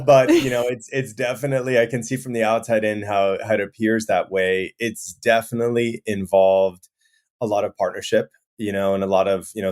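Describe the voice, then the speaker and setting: A man in his thirties from Miami, a guest in an interview, talking in a relaxed way full of "you know" fillers. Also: lowish voice. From Miami, USA. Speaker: guest, resort owner. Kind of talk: conversational interview.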